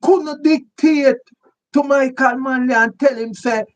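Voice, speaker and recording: Slow, emphatic Jamaican commentator. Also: high voice. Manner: emphatic, repetitive, in patois. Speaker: online commentator. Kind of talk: political commentary.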